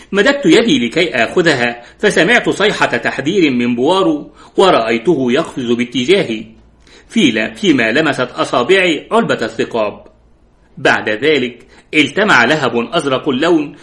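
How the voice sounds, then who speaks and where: A man's voice: medium pitch, a bit bright. A man narrating a detective novel as an audiobook, reading steadily and giving the quoted dialogue only light voicing. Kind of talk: scripted narration.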